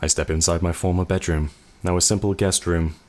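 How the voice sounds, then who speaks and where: A man hosting a let's play, reading the game's narration aloud in a measured way with dry asides. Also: deep voice, fairly even intonation.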